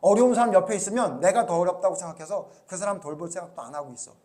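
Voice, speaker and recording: Male pastor, high voice, preaching with questions to the congregation, soft asides and loud bursts. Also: very fast. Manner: swings from soft low asides to loud emphatic outbursts. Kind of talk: sermon.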